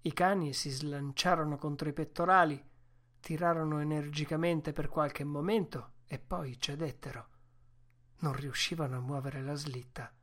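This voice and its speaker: A woman narrating a novel in a calm, even reading voice. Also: low voice, moderate pace. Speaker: audiobook reader. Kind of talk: scripted narration.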